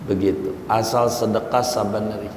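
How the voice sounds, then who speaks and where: Here the man's voice is fairly low and level, a little mellow, moving at normal speed. He preaches in a folksy, repetitive style, calling the audience "saudara," while the hall echoes and faint noise lingers.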